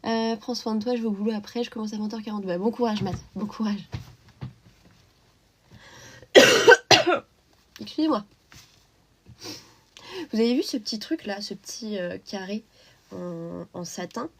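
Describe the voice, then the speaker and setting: A woman's voice: mid-range voice, unhurried, long pauses, a little mellow. A young woman hosting a casual live stream from home, talking through a stuffy nose and sniffling from a cold, chatty and greeting viewers by name. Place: at home while colouring.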